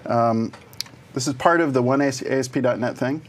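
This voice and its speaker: A man co-presenting a programming course, explaining slides step by step in a relaxed way with dry humor. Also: mid-range voice, moderate pace, slight background noise. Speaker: co-presenter of a web development course. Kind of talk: casual technical explanation.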